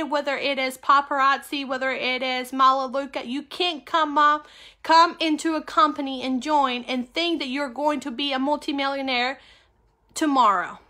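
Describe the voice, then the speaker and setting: Upbeat and emphatic, a high-voiced, bright-sounding woman from Peru runs a casual livestream as a network marketing coach. She keeps coming back to key phrases, and her accent is clearly Peruvian.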